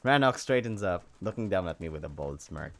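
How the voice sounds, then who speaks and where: A man's voice: sits low, lively intonation, a little fast. A man playing through a visual novel and reading its lines aloud in a playful, jokey manner. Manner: playful, jokey, breaks into loud yells. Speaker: let's play gamer.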